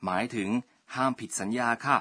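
A man's voice: a little fast, bright, forceful tone. A man teaching a radio language lesson, politely explaining each word in turn.

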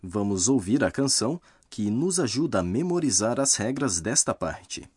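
A man narrating a scripted language lesson, explaining grammar rules slowly and carefully. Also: medium pitch, big pitch swings.

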